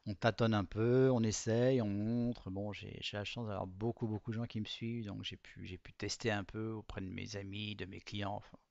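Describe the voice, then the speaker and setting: A man's voice: fairly low pitch, fairly even intonation, moderate pace, gravelly, a little mellow, dry recording, highs cut off. A man presenting his own artwork to viewers in a casual, hesitant way, with many fillers and restarts. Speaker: artist presenting his work.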